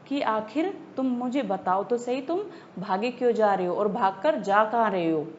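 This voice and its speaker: A woman voicing an angry male lion who is king of the jungle and barks loud commands in a storybook lesson. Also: mid-range voice, expressive, moderate pace, muffled recording, a little hiss or hum, close to an everyday voice. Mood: angry, commanding.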